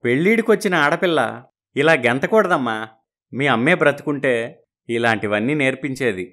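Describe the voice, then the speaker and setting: A man's voice: medium pitch, expressive, brisk, a bit bright. Fatherly man in story dialogue. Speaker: voices male characters.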